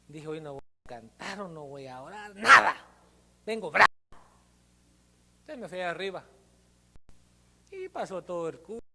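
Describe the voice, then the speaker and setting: Animated pastor preaching in echoing hall. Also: male voice, on the high side, normal speed, pauses often, very noisy. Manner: animated storytelling, acts out quotes. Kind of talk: sermon with personal testimony. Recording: long reverb of a church hall.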